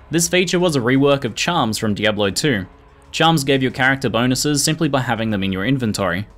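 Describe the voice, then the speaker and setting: A man reading scripted video narration in a measured, informative manner. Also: mid-range voice, a bit bright. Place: voice-over recording. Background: music.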